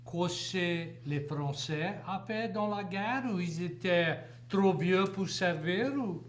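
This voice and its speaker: A woman's voice: lowish voice, takes it slowly. A woman with a Cajun French accent asking questions in a casual conversational interview. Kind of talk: casual chat. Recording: echoey room, faint hum and noise.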